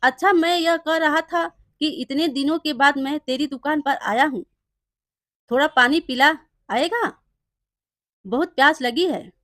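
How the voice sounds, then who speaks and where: Brief: jealous, sly village blacksmith man, read by a woman narrator, high and dry voice. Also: measured pace, fairly bright tone, no room sound.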